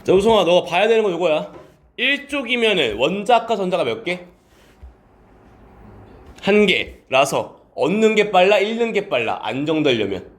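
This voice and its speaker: Lively high-voiced male teacher quizzing students. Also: normal speed. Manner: calls on students by name and quizzes them, answering his own questions; polite teacher speech mixed with casual student talk. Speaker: science teacher. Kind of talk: classroom lecture with questions to students.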